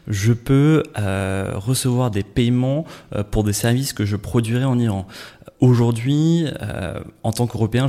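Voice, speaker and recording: A Frenchman with a lowish, dark, mellow voice explains things in an interview. He hesitates often and fills his pauses with ums. His answers run long and unhurried. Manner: hesitant, many "euh" fillers.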